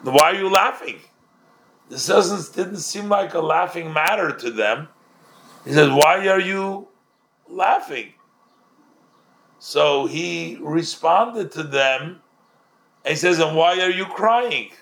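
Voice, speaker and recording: Slow-talking rabbi type guy, gravelly voice, retells then explains with lots of restarts. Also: on the high side, animated, a bit bright. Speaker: Torah teacher. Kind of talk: storytelling Talmud class.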